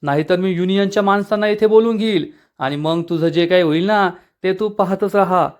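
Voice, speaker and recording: A man's voice: high-pitched, normal speed, close to an everyday voice. A man reading the lines of an angry rickshaw driver who makes blustering demands.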